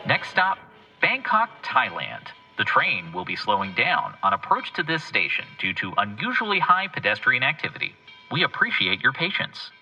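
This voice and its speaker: A man's voice: medium pitch, wildly swooping pitch, moderate pace, dull audio, pitched above the performer's own voice. Man doing a conductor over the intercom, polite formal delivery, far off, music under it. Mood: announcing. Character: male train conductor announcing the next stop over the intercom. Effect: over the train intercom. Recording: distant voice over clear music.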